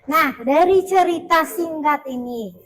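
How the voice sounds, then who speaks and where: A woman's voice: sits high, a little slow, low-quality recording. A woman teacher leading a classroom lesson, often asking her students questions.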